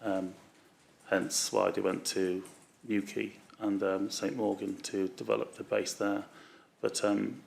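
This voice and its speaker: Witness, male, low and gravelly, voice worn by flu, halting testimony. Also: level tone, a little mellow, a little hiss or hum. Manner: halting, many fillers and restarts. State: voice going from flu. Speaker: witness at a public inquiry. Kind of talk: formal testimony.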